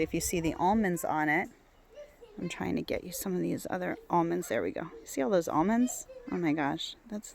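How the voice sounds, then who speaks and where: Speaking at a fairly low pitch with vocal fry, a non-native Hebrew speaker leads an informal plant walk in a garden. Slight background noise comes through the handheld phone recording, and her chatty delivery is full of fillers and restarts.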